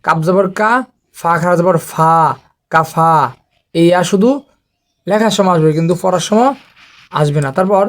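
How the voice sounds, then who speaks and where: Patient high-voiced teacher. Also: male voice. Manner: slow, patient, repeats letter drills. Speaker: Quran reading teacher. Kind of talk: online recitation lesson.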